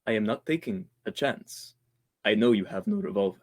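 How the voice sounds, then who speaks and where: A man voices a menacing but polite doctor villain in a 1940s-style radio thriller, using formal, deliberate phrasing with an air of polite menace. The character is really a panicking radio actor. His voice is lowish and darkish in tone, and sounds natural.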